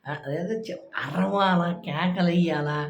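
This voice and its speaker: A man's voice: sits high, measured pace, vocal fry, roomy sound, muffled recording. A man commenting sarcastically on political speech clips in a casual, scoffing way.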